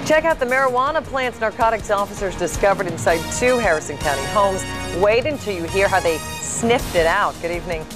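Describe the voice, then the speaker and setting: A woman's voice: medium pitch, expressive, fairly quick, few pauses, music in the background. A woman reading scripted television news as an anchor.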